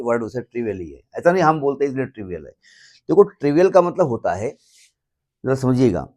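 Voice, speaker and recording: A man teaches a maths lesson in an easy, talkative way. He repeats the key points and slips English terms into his explanations. His voice sits at a middle pitch, and he keeps pausing to check that his students are following. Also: a little mellow. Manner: stops often to check that students understand. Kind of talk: classroom lecture.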